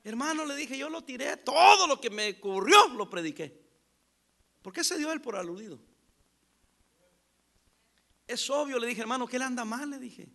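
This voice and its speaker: A man preaching a sermon as pastor, telling stories with acted-out dialogue and loud emphatic bursts. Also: very high voice, lively intonation, moderate pace, creaky, long pauses.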